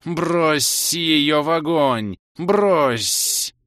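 A monstrous female fire cobra, as a male narrator puts her on, bellowing her demands in a high, strained voice and stretching every word out slowly. Furious and commanding, she sounds like a creature from an audiobook fantasy. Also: expressive, a bit bright, dry recording, clean studio sound, heavily acted. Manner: roaring, slow, drawn-out demands.

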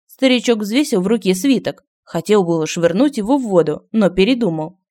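A woman narrating a comic fantasy story. Her reading is lively and expressive, in a mid-range voice. Clear scripted audiobook narration. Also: medium pitch, brisk. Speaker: audiobook reader.

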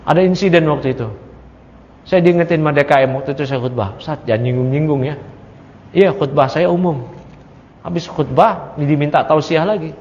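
Male religious teacher, high voice, animated lecturing with rhetorical questions; dull recording in a reverberant hall. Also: brisk, a little hiss or hum. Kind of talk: study-circle lecture on a creed text. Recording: echoey hall, dull lo-fi sound.

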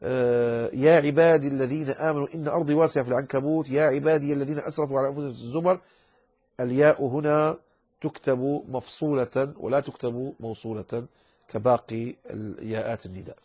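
This man speaks quickly in a slightly mellow mid-range voice with fairly even intonation, teaching Quran recitation rules in a classroom lecture on a verse text. He is patient in his explanations and addresses the audience as brothers, and the lo-fi recording sounds dull.

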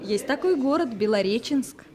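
A woman's voice: fairly high pitch, lively intonation, normal speed, darkish tone, natural voice. A woman playing a frank young painter girl. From Kuban. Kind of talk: film drama dialogue.

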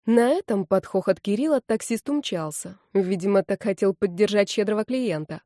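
A woman reading a first-person story aloud, giving the dialogue lively raised voices. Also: medium pitch, moderate pace, no room sound, studio quality. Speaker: audiobook narrator. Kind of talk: first-person audiobook narration.

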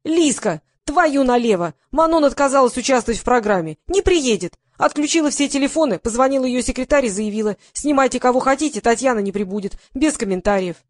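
A woman voicing a skinny panicking man in jeans who yells rudely. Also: fairly high pitch, lively intonation, fairly quick, dry recording, clean studio sound. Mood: panicked. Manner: yelling, rude.

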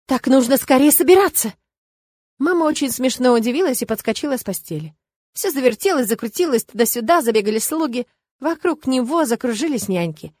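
Lady reading a story aloud, even pace, dry close sound. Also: fairly high pitch, a little fast, no room sound. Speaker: audiobook narrator. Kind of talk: scripted narration.

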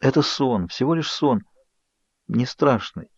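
A tearful, pleading young woman, as a male audiobook reader puts her on. Her voice rises a little higher and shakes with feeling. The recording sounds dull and dry. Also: expressive, slow, husky, no echo, full character voice.

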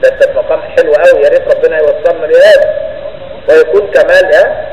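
Fast, high-voiced Egyptian man teaching religion. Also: a little mellow, roomy sound, big-room sound, poor audio. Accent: Egyptian Arabic. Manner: conversational, keeps checking understanding. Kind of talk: colloquial religious lesson.

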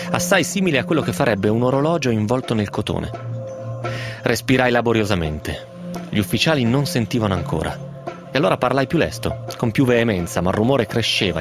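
Man giving a dramatic radio reading. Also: mid-range voice. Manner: intense, building, expressive delivery. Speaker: radio host. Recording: music playing under the voice.

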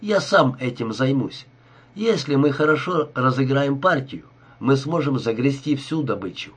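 A man's voice: mid-range voice, expressive, a little slow, breathy edge. A man reading a sneering cold crook. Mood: scheming. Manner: sneering, ironic. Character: cold, scheming male crook, sarcastic.

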